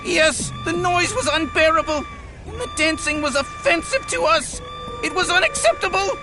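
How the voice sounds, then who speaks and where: Lemongrab, a shrill lemon earl. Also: wildly swooping pitch, moderate pace, noisy background, exaggerated voice. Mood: indignant. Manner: formal, shrieking indignation. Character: shrill pompous lemon earl, stiff and huffy. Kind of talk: cartoon voice acting.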